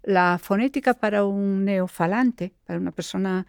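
Thoughtful middle-aged poet, dry sound. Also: female voice, medium pitch, vocal fry, darkish tone, clear, resonant tone, no room sound. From Galicia. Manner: thoughtful, pauses with fillers and restarts. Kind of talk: reflective interview talk.

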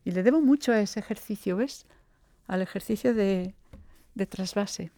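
Gravelly-voiced woman in reflective interview. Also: medium pitch, normal speed, mellow. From Galicia, Spain. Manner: thoughtful, digressive, frequent tag questions. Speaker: poet, interview guest.

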